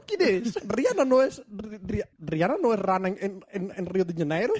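A man's voice: high voice, sing-song, fairly quick, a little mellow, breathy edge. A man with an Alicante accent co-hosting a podcast, bantering with goofy wordplay. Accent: Alicante Spanish. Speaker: podcast co-host. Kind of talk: casual joking chat.

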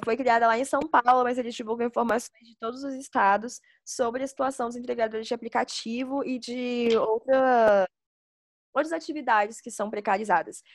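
A woman's voice: fairly high pitch, dry recording. A young Brazilian woman hosting a casual podcast, chatting in emphatic, sweary slang with a slight lisp that makes her s slushy. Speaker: podcast host.

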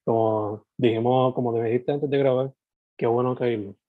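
A man's voice: medium pitch, steady tone, normal speed, no echo, narrow, tinny audio. A man hosting a casual podcast interview, switching freely between two languages in mid-sentence. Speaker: podcast host.

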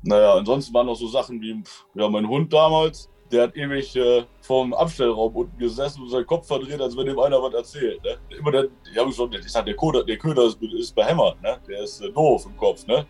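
A man in a casual interview, telling his own experiences in a rambling, colloquial way and often tagging sentences with a quick question. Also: medium pitch, darkish tone, husky, faint music behind. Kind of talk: casual storytelling.

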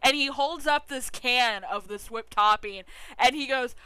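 A woman's voice: a little high, a little slow, bright, forceful tone, clean tone, no room sound, poor audio. An American woman co-hosting a casual chat, telling stories bluntly and swearing constantly. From United States. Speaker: co-host.

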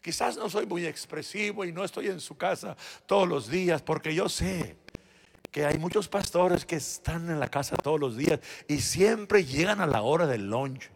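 A man preaching a sermon as pastor in a church, turning from shouted exhortation to quiet, personal words to his flock. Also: a little high, moderate pace, creaky. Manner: swings between shouted exhortation and quiet, intimate asides; addresses the congregation directly and personally. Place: church sanctuary.

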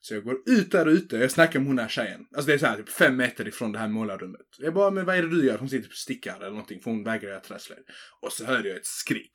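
A man's voice: medium pitch, expressive, a bit bright, breathy edge. A young man in his twenties telling a story in casual chat, acting out quoted voices and throwing in English swear words.

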